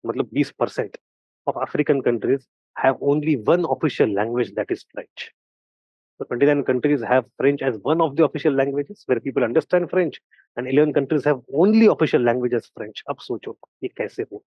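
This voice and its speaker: A man with an Indian accent giving a history lecture, switching languages mid-sentence and slowing down to stress key points. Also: medium pitch, dry recording. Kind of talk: classroom lecture. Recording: dull, dry sound.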